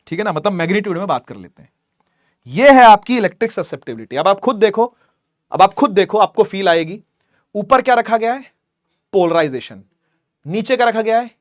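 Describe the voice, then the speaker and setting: A man teaching physics in a lively lecture, with a tinge, acting out little scenes in funny voices to make his points. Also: high-pitched, dry recording, clean studio sound. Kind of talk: animated classroom lecture.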